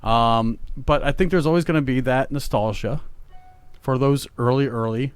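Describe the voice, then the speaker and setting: A man's voice: mid-range voice, moderate pace, clear, resonant tone, dry recording, faint music behind. A man in his forties co-hosting a podcast, chatting casually and rambling with many fillers and restarts. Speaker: podcast co-host. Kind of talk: casual chat.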